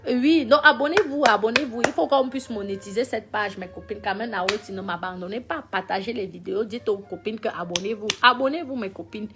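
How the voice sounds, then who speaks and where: A woman talking on a live stream, emphatic and repetitive, swinging between loud scolding and low mutters. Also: brisk, few pauses, noisy background. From Cameroon. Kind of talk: casual live-stream rant to followers.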